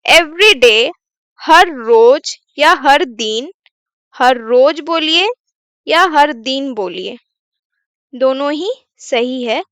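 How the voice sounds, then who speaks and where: A woman's voice: high-pitched, lively intonation, fairly bright tone, dry recording, clean studio sound. A woman teacher, explaining a story word by word, asking questions and answering them herself. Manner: asks questions then answers them, repeats words slowly. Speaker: English teacher. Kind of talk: bilingual English reading lesson.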